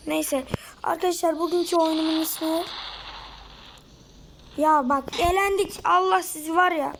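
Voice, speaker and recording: A woman with a high, hoarse voice talks through a game in a casual let's-play. She reacts excitably and breaks into loud, sudden outbursts. Loud game noise plays behind her the whole time. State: hoarse throat. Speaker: gaming video host.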